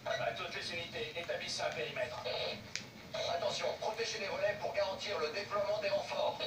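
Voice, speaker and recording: A man's voice: high voice, a little fast. A man voicing a male military commander who barks terse, clipped orders over military radio chatter. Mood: commanding. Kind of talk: game unit voice lines. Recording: echoey and distant, over loud game music.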